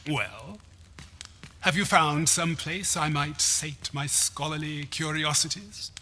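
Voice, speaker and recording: Bright-voiced, expressive fantasy scholar. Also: male voice, fairly high pitch, husky, heavily acted. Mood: curious, wry. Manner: formal, archaic phrasing. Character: bookish, archaic-spoken male scholar, grudgingly courteous prisoner. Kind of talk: fantasy video game acting.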